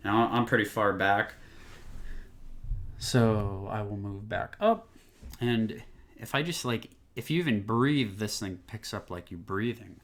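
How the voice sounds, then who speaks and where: A man's voice: on the low side, unhurried. A man casually talking through a microphone test at home, rambling with fillers and moving closer and farther from a desk condenser mic. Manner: easygoing, rambling, lots of fillers. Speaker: tech reviewer. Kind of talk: casual product demo. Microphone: condenser desk microphone, distance changing.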